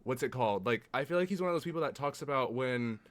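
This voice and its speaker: A man's voice: mid-range voice, expressive, fast. An American man giving casual, informal reaction commentary as a video host, peppering his sentences with filler words. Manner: informal, heavy use of "like".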